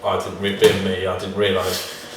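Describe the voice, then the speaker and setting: A man's voice: sits low, completely flat delivery, normal speed. A man who plays football, answering casually in a hesitant, understated, self-deprecating way. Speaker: football player. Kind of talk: casual interview chat. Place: reverberant indoor room. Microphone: distant from the speakers. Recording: very echoey room, distant mic, faint noise.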